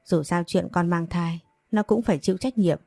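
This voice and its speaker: A woman reading the lines of a gentle, caring middle-aged mother in a storybook narration, in a soothing manner. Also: lowish voice, normal speed, creaky, no echo, faint music behind. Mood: gentle concern.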